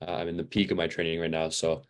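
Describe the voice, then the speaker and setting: A young man with a very low, deep voice, chatting as a podcast guest. He rambles easily with lots of "like" and "uh," a touch worn out from training. Relaxed and unscripted. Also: fast. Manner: rambling, many fillers and restarts. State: a little fatigued. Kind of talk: casual interview chat.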